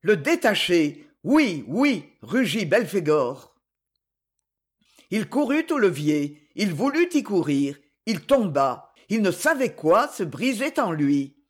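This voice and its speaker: Husky, slow, theatrical woman narrator. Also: lowish voice, big pitch swings. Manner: theatrical, measured delivery. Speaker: audiobook narrator. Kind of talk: dramatic novel reading.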